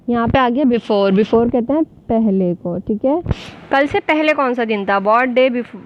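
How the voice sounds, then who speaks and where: Slow patient woman teaching with an Urdu accent. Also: fairly high pitch, lo-fi sound. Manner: slow, patient, spells words out letter by letter. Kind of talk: basic English lesson for beginners.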